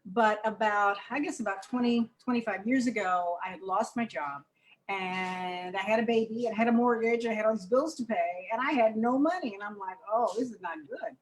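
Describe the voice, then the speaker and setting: Older woman, vivid animated storyteller. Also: mid-range voice, normal speed, low-quality recording. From New York, Harlem. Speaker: children's book author, guest. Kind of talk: conversational interview storytelling.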